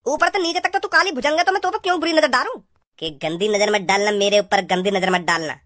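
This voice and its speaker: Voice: medium pitch, a bit bright, close to an everyday voice. A performer voicing a cocky, rude young village man in a cartoon who mocks and insults. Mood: mocking. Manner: mocking, insulting, fast-talking. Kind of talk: cartoon voice acting.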